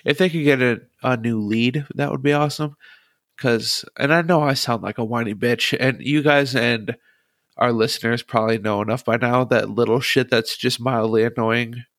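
A man's voice: mid-range voice, steady tone, moderate pace, a bit bright, dry recording, studio quality. Laughing, chatty man hosting a podcast. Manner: chatty, laughs often, frank. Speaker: podcast host. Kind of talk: casual gaming podcast chat.

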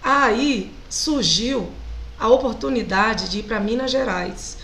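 A Brazilian woman singer with a Brazilian Portuguese accent, animated and laughing often as she tells stories as a guest in a casual interview. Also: fairly high pitch, slow, slight background noise, poor audio.

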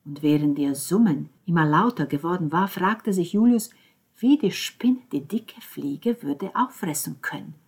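Slow, husky-voiced woman narrating. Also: low voice. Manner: calm and measured, dropping to near whispers. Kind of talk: audiobook narration.

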